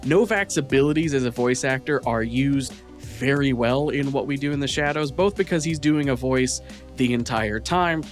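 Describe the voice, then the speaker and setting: A man hosting and reading a scripted entertainment review. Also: mid-range voice. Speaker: video host reviewer.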